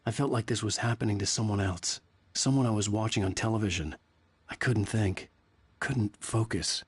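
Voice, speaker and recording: A man's voice: on the low side, moderate pace, slightly rough. An actor playing a haunted, sardonic writer who narrates his own thriller in a video game, wry and dramatic. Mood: grim, weary. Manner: wry, sarcastic. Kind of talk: dramatic first-person game narration and dialogue. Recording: loud music behind.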